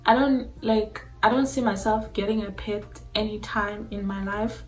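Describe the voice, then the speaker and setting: A young South African woman, whose first language mixes Xhosa and Zulu, answers personal questions from viewers in a casual Q&A vlog, saying "like" constantly. Her medium-pitched voice is fairly even and at normal speed, in an echoey room with faint music.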